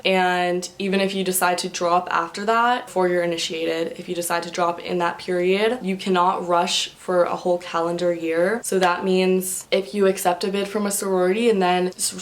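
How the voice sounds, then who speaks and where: A young American woman talking casually to camera like a chatty sorority girl, explaining and advising with lots of "like". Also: on the low side. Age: young adult, about 19 or 20. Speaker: vlogger giving sorority recruitment advice. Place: indoor room with large windows.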